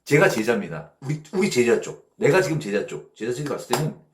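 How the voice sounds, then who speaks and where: A male pastor leading a Bible study, reading verses slowly in English and asking rhetorical questions to check understanding. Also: medium pitch, very animated, roomy sound, a little hiss or hum. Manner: reads verses in slow English, asks rhetorical check-ins.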